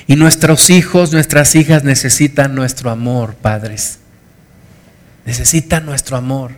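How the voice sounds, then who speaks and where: A man's voice: medium pitch, a little slow. A middle-aged man preaching a sermon, earnest and emphatic, repeating key phrases. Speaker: pastor.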